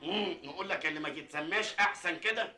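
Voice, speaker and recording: An actor playing a boastful, bumbling comic agent in a TV comedy series, mocking and quick-witted, with an Egyptian Arabic accent. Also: male voice, fairly high pitch, sharp tone, roomy sound.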